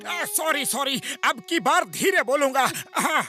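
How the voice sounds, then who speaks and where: A voice actor doing loud chubby cartoon shopkeeper Motu. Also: high-pitched, lively intonation, unhurried, heavily acted. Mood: loud hawking. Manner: bellows sing-song vendor calls, drawn out. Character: chubby cheerful male shopkeeper, food-loving, loud. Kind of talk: Hindi cartoon dubbing. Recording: cartoon soundtrack with loud background music.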